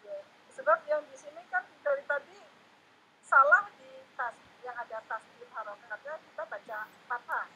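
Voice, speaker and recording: Bright-voiced woman student, faint hiss. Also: sits high, huge pitch swings, normal speed, highs cut off. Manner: asks back to check, repeats the teacher's points. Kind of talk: casual lesson questions.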